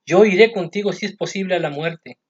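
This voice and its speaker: A brash, boastful apostle, as a preacher puts him on, loudly swearing loyalty in a swaggering, overeager way. The voice sits a touch high. The audio is a bit dull and lo-fi. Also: male voice, a little fast, breathy edge.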